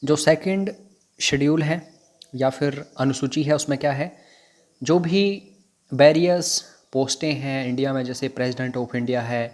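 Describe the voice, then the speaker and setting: A man's voice: mid-range voice, unhurried, a little mellow. A man teaching an exam prep lesson, repeating which facts to memorize. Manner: repetitive, drilling what to memorize.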